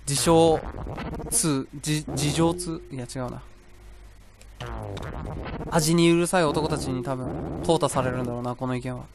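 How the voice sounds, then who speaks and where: A man's voice: a little high, fairly even intonation, moderate pace, pauses often. A young man casually commentating a video game he is playing, talking to himself, rambling between exclamations. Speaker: gameplay commentator. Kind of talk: casual let's-play commentary. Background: game music.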